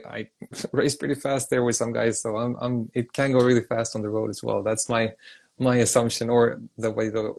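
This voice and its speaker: A man hosts a relaxed live interview in a chatty, easygoing way. He pokes fun at himself and repeats words as he gathers his thoughts. His speech is mid-pitched and ordinary. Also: vocal fry. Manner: chatty, self-deprecating, repeats words while thinking. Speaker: interview host. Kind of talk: casual interview hosting.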